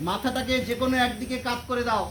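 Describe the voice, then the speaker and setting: A woman's voice: fairly high pitch, fairly even intonation, quick pace, a bit bright, faint music behind, low-quality recording. A woman yoga teacher, leading a class of schoolchildren and giving step-by-step commands and counting aloud.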